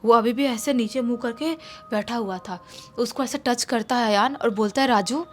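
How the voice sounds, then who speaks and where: A woman's voice: on the high side, moderate pace. A woman telling a horror story in a casual, conversational way, with restarts and repetitions.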